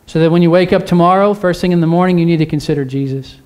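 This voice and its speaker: A man's voice: fairly high pitch, racing, a little mellow, smooth. A male pastor preaching a sermon in a church, urging listeners with repeated phrases and questions to the congregation. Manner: earnest, repetitive exhortation with rhetorical questions.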